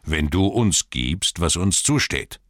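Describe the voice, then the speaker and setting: A man voicing a steady, grim male leader in an audiobook, speaking slowly and deliberately. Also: low voice, dry recording, studio quality, heavily acted. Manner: slow, level and deliberate. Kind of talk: audiobook character voice.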